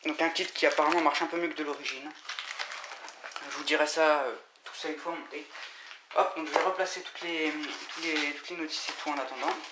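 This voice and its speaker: A man giving a casual, halting unboxing commentary, full of fillers and restarts. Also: fairly high pitch, fairly even intonation. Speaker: vlogger unboxing scooter parts. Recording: echoey room with loud noise and crinkling.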